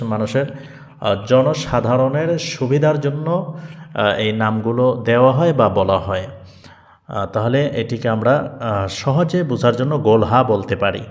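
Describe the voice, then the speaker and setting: Patient male teacher, drawn-out sounds. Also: mid-range voice, darkish tone, in a large hall. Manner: patient, repeats sounds slowly and drawn out for students to copy. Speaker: Quran reading teacher. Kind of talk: spoken lesson on letter pronunciation.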